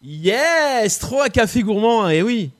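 Chatty French host with a raised voice. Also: male voice, high voice, big pitch swings, takes it slowly, slight background noise. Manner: chatty, repeats himself, many fillers. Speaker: host running a song quiz and prank calls. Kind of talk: lively live-stream chat.

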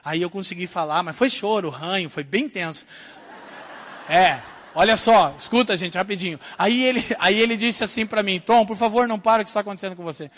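A man from Brazil giving an animated sermon testimony, swinging from hushed asides to loud outbursts. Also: high voice, brisk, slight background noise. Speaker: preacher telling his testimony.

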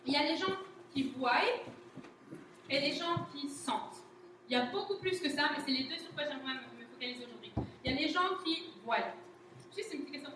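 High-voiced woman preaching in an echoey hall. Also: brisk. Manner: conversational and candid, often acting out her own past thoughts. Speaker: guest speaker at a church. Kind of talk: informal sermon teaching. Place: church hall, recorded from a distance. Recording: echoey hall, distant mic, faint noise.

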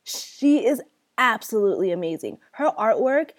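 A woman's voice: a little high, lively intonation, normal speed. A woman co-hosting a podcast in casual chat, talking from under a comforter pulled over her head like a tent, on a home-made internet call recording. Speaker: podcast co-host.

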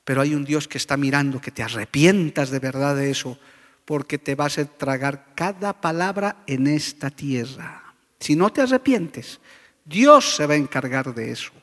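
A middle-aged pastor preaches with fervent conviction. His voice sits a little high for a man, and long reverb trails each phrase through the church hall. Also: expressive, normal speed, fairly bright tone. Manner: fervent preaching, often calls out "brother". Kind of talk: sermon.

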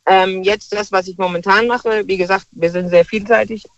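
Male caller, high voice, dry and dull phone sound, relaxed and hesitant. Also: moderate pace, no echo. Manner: relaxed, hesitant with fillers, agrees readily. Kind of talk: casual phone-in chat. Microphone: telephone.

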